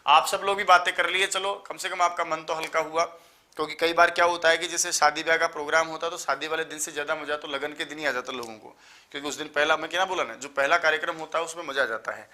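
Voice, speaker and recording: A man, tired after just waking up, teaching a live online exam-prep lecture and listing terms in quick runs. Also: fairly high pitch, steady tone, bright, forceful tone. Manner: explanatory, lists terms in quick runs, addresses students as sir.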